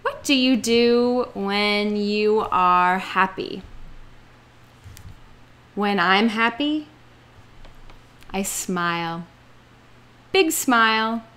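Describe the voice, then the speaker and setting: A young woman teaching children English, speaking slowly and playfully and acting out each feeling. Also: medium pitch, lively intonation, a bit bright. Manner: slow, exaggerated, playful delivery with acted-out feelings. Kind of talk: slow, expressive children's lesson.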